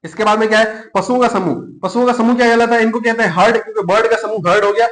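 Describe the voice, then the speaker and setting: A man's voice: high-pitched, fairly even intonation, very fast, fairly bright tone, reverberant. A man with a Rajasthani Hindi accent teaching an exam class, chatty and repetitive, asking himself questions as he goes. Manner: chatty, repeats points and asks himself questions. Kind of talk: classroom lecture with memory tricks.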